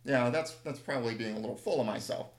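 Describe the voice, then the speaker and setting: This man's mid-range voice races along as he spins rambling, funny anecdotes that poke fun at himself. It's casual storytelling, recorded in a room with noticeable echo.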